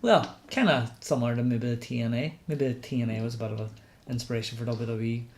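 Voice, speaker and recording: On a casual wrestling podcast, a male co-host talks fast in a mid-range voice. He's easygoing and rambling, laughing along with the conversation.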